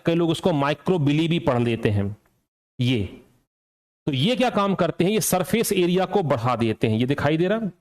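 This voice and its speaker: A man teaching an exam coaching lecture, asking questions and answering them himself and repeating the key points to drill them in. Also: high-pitched. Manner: asks and answers his own questions.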